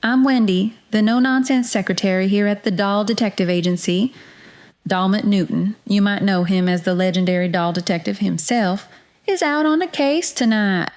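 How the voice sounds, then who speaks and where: A woman's voice: medium pitch, moderate pace, darkish tone, close to an everyday voice. A woman with a Southern US accent playing a folksy, no-nonsense detective agency secretary, chatting directly to the listener in scripted noir-style podcast narration. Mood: folksy, inviting. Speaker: podcast host.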